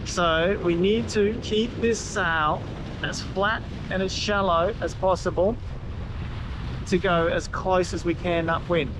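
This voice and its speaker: A man with a rather high voice gives a casual, hands-on explanation, pointing things out as he talks. He is outdoors on the deck of a catamaran at sea. Strong wind noise hits the camera mic the whole time. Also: fairly even intonation, slow pace. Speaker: sailing instructor.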